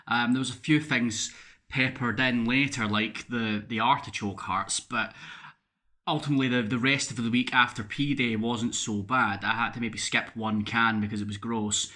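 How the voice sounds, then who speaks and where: A man's voice: mid-range voice, steady tone, moderate pace, bright, forceful tone. A Scottish man in a casual video diary, chatty, with frequent fillers and repeated words. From Scotland. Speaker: vlogger.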